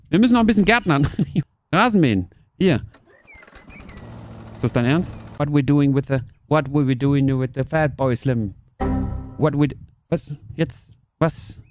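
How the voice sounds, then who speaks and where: A woman streaming a simulator game, chatting excitedly and joking with her viewers. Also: low voice. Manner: excitable, jokey, talks to viewers. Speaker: gaming streamer. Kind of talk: casual gameplay commentary.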